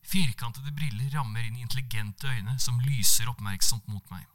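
A man's voice: mid-range voice, fairly bright tone. A man, a podcast co-host, reading his own comic story aloud in a dry, understated narration.

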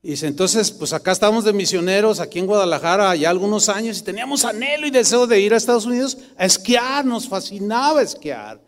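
Middle-aged male pastor, higher voice, emphatic sermon delivery, long hall reverb. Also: brisk, few pauses. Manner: animated preaching, rising to emphatic bursts.

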